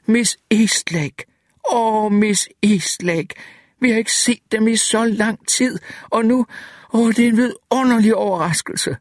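A man voicing an elderly male bookkeeper who exclaims in a high, breathless voice. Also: dry recording, studio quality, lightly acted. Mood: gushing.

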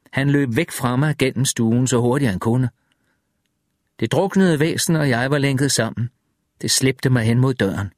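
Male audiobook reader, middle pitch, tense and measured, dry booth. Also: no echo. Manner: tense, measured horror storytelling. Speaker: audiobook narrator. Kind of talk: first-person audiobook narration.

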